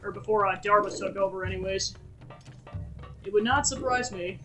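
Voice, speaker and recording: Giggly, rambling let's-play host, bright tone, soft music behind. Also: medium pitch, normal speed. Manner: giggly, joking, rambling asides. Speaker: streamer.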